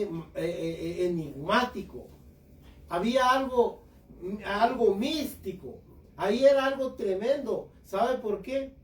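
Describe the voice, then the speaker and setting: A man preaching a sermon, speaking with impassioned fervor and calling his listeners brothers. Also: high voice. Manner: impassioned, addresses congregation as brothers. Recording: echoey room, voice far from mic.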